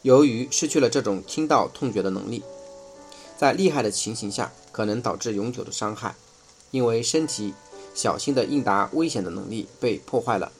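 A man reading a first-person nonfiction book aloud in a measured, explanatory way. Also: medium pitch, animated, faint music behind. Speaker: audiobook reader.

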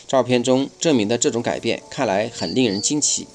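A man reading a first-person nonfiction book aloud in a measured, explanatory way. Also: medium pitch, a little hiss or hum. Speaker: audiobook reader.

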